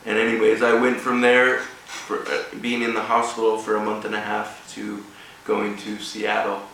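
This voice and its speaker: A man gives an informal motivational speech with a personal story, speaking haltingly in short broken phrases. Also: fairly low pitch, completely flat delivery, fairly bright tone. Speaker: guest speaker at a rugby club event. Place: echoey room, speaking before an audience. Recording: echoey room, distant mic, faint noise.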